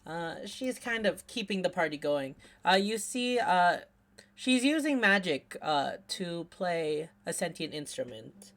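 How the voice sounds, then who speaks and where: Slow-talking woman game master. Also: lowish voice. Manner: unhurried, relaxed with fillers. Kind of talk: narrating a tabletop game.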